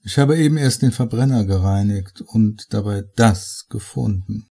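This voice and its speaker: A man voicing a worried servant in a horror audiobook, speaking hushed and urgent. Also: lowish voice, normal speed, gravelly, slightly rough. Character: nervous male servant in a death mask. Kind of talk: audiobook character voice.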